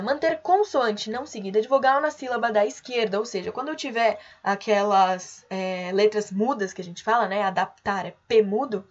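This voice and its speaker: Woman teacher explaining, dull lo-fi sound. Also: a little high. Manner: clear, patient explaining, calls out example words. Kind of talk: online grammar lesson.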